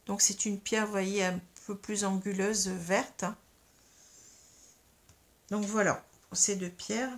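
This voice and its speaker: A woman's voice: medium pitch, steady tone, slow pace, long pauses. A woman giving a tarot reading to her viewers, explaining each step patiently and often adding small fillers as she goes. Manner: patient, explains step by step, frequent "hein" and "euh". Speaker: tarot card reader. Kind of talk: guided tarot reading to camera.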